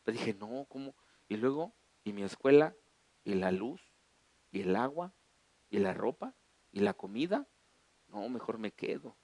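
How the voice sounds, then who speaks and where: A middle-aged Mexican man, a pastor, telling a humorous personal story in a colloquial, animated sermon. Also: on the low side, measured pace, long pauses, no room sound.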